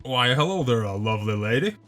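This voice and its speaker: Brief: man voicing a cheeky flirt of an adventurer, lively up-and-down voice, bright tone. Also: medium pitch, fairly quick, soft background music, close to an everyday voice. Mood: flirty. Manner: playful, flirtatious banter.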